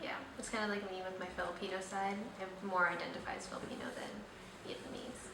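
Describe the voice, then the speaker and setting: A young woman hosts her vlog, chatting casually and rambling with plenty of fillers. Her mid-range voice moves little in pitch and comes quickly. The room is echoey, the mic a bit distant, with faint noise.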